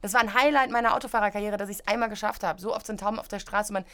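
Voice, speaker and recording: A woman guest on a podcast, bilingual German-English, telling stories with dry, dark humor. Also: mid-range voice, steady tone, rapid-fire, clear, resonant tone. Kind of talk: casual podcast chat.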